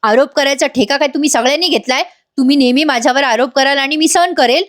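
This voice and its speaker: A woman's voice: high voice, fast talker, a bit bright. Sachin, a woman voicing a sneering accusing husband. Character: angry scheming young husband, man.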